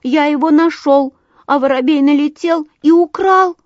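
A woman's voice: high voice, moderate pace, no room sound, highs cut off, pitched above the performer's own voice, lightly acted. A woman voicing a tiny, timid young male snipe bird in a storybook reading, with a thin, pleading voice.

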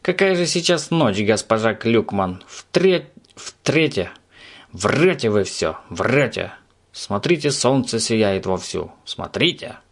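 A man's voice: fairly low pitch, very animated, takes it slowly, full character voice. A man voicing a cheeky, mischievous little creature who teases and mimics others gleefully. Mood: teasing.

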